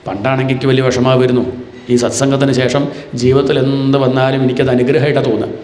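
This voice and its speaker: Male discourse speaker, storyteller, chants verses slowly, roomy hall reverb. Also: medium pitch, level tone, a little mellow, slight background noise.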